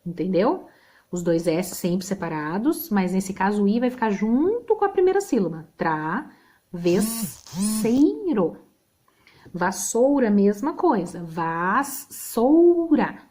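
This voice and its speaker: A woman's voice: mid-range voice, sing-song, moderate pace, mellow. Patient Brazilian woman teaching spelling. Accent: Brazilian Portuguese. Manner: patient, checks in with "tá?" often. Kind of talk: recorded remote spelling lesson.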